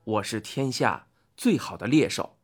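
Woman reader as storybook hunter husband: pitched low, soft, slow, placating. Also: soft background music. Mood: calm. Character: Hou Yi, calm strong hunter husband.

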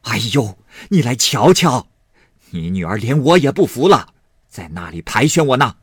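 A man voicing a quick-tempered old woman who scolds loudly, in a storybook reading. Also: sing-song, breathy edge, dry recording, studio quality. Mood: angry scolding. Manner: shrill, shouting, scolding.

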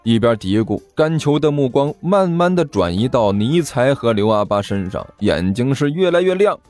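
A man narrating a serialized story in a lively, dramatic storytelling way. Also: medium pitch, normal speed, soft background music.

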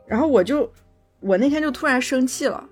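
A woman co-hosting a podcast, telling a personal story in casual chat, animated, swearing freely and correcting herself as she goes. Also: high-pitched, brisk, slightly rough, soft background music. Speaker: podcast co-host.

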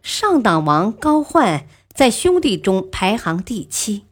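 A woman narrating a historical story expressively, often opening quoted speech with a soft "ah". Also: medium pitch, husky.

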